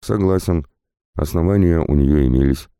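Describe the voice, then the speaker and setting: A man's voice: a bass voice, moderate pace, warm tone, clear, resonant tone, no echo, clean studio sound. A man voicing a sly, mocking, seasoned mercenary starship captain in a spoken audiobook. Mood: calm.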